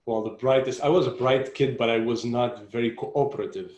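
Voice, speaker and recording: Guitarist guest, man around forty from Jordan, loose halting chat, roomy echoey sound. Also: medium pitch, steady tone, darkish tone. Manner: rambling, halting, frequent restarts and laughs. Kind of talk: casual interview chat. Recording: roomy echo.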